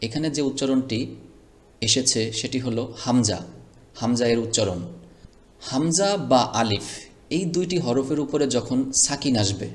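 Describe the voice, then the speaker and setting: A male Quran teacher gives a step-by-step spelling lesson in a mid-range voice. He spells letters out slowly and deliberately, now and then chanting a phrase in a melodic recitation. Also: medium pitch, expressive.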